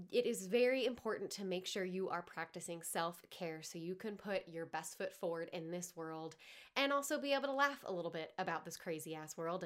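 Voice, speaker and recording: Chatty, candid woman podcast host. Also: lowish voice. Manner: chatty and candid, swears, laughs often. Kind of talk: casual solo podcast chat.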